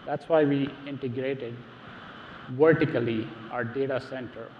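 Presenting a technical keynote to a seated audience from a large, dark stage, a middle-aged man talks emphatically, often repeating words at the start of sentences. He has a mid-range, steady voice and an unhurried pace. Background noise, faint ambience and roomy hall reverb accompany the dull recording.

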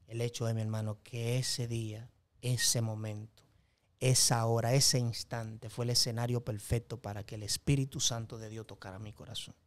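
Speaking as an interview guest, a Dominican man gives an earnest, emphatic faith testimony with a preacher-like cadence. His voice sits at medium pitch with little movement, and his pace is moderate.

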